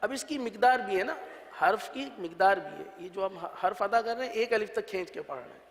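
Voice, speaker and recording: A man with a Pakistani Urdu accent teaching how to pronounce Quranic letters, patiently repeating each sound in long drawn-out syllables. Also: high-pitched, lively intonation. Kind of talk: religious letter-pronunciation lesson. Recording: long reverb.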